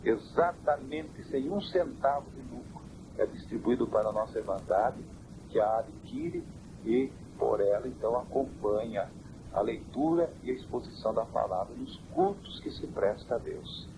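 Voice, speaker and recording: Man, church elder, measured preaching answers, old cassette with heavy hiss, mid-range pitch. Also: sing-song. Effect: old worn cassette tape. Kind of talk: interview answers. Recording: hissy worn cassette tape.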